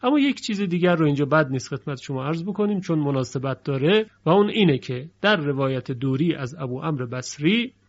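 A man gives a recitation lesson in a fairly high voice, breaking each rule into small steps and drawing out the example words. The recording is dull and lo-fi. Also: expressive. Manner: explains step by step, recites example phrases slowly. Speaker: Quran recitation teacher. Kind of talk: lecture on recitation variants.

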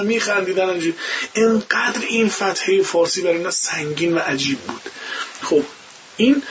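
A man's voice: high-pitched, fairly bright tone, dull audio. A man who teaches Quran recitation, explaining pronunciation in an interview and acting out the sounds himself. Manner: demonstrates pronunciations by imitating sounds.

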